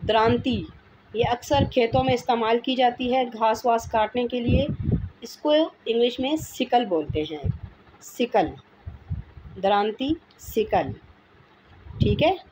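Patient woman teaching vocabulary, noisy recording. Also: a little high. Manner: patient, repeating each word slowly. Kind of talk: vocabulary lesson.

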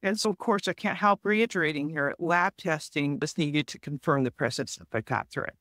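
A woman guest on a podcast interview, calmly explaining forest disease prevention in a measured, advice-giving way. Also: sits low, no echo, clean studio sound. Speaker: forest health guest expert.

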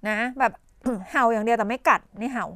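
High-pitched Thai woman tutoring, coughing. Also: brisk, background noise. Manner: explains idioms with many "นะคะ" fillers and rhetorical questions; coughs and clears her throat often. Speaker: English teacher. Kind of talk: televised tutoring lesson.

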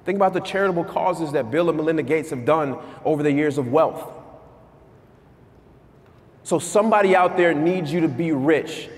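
Man, thirties, motivational keynote, fairly high voice, lively stage delivery, big hall reverb. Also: normal speed, long pauses. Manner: energetic, pacing the stage, asking the crowd questions. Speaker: keynote speaker. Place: large conference hall, on stage.

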